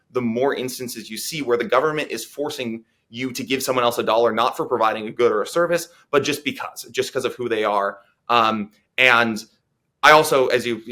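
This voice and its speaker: A man's voice: mid-range voice, pushed and bright. A man as a policy analyst guest in a political interview, talking earnestly with many fillers and restarts.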